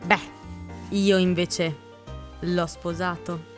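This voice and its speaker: A woman's voice: lowish voice, little pitch movement, very slow, faint music behind. A woman reading a bitter discontented wife. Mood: curt. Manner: curt, ambiguous. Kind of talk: audiobook character reading.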